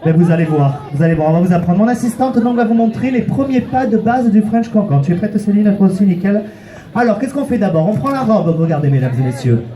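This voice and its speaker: A man's voice: sits high, animated, quick pace, mellow. A man running a comic street show, teasing his volunteers playfully, counting them in and coaxing the crowd to applaud. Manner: teasing, playful, calls volunteers "mon cœur". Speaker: street performer leading audience volunteers. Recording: open-air recording with a noisy crowd around.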